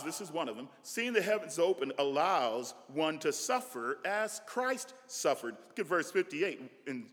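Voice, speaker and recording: A man preaching a sermon as senior pastor, animated and given to restarts and asides. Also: fairly high pitch, in a large hall.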